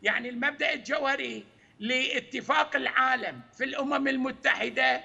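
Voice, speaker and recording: A male economics expert joining a news panel from afar, making his case in a lecturing, argumentative way. His voice sits high, gravelly and sharply bright. The line is dull and carries a long, hall-like echo. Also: fairly quick. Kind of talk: analytical commentary.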